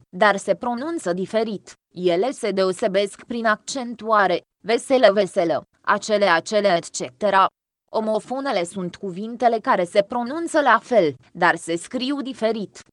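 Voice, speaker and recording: A woman reading a grammar lesson from a school textbook aloud, in a measured, even way. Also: mid-range voice, dry recording, studio quality. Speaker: textbook reader.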